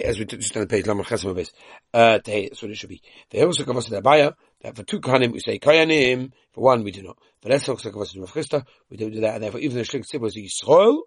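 A man's voice: mid-range voice, breathy edge, no room sound, studio quality. A man teaching a daily Talmud lesson in a conversational way, with asides and repeated words.

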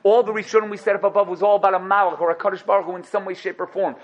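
A man with teaching a religious class as a rabbi, emphatic and animated, repeating phrases and posing rhetorical questions. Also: high voice, racing, muffled recording. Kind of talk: animated religious lecture with Hebrew terms.

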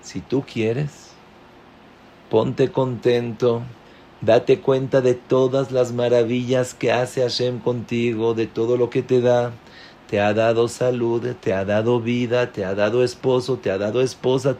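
A man teaching a Torah class, speaking slowly and emphatically, with sudden leaps in pitch on key words. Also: level tone, warm tone, a little hiss or hum. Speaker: rabbi.

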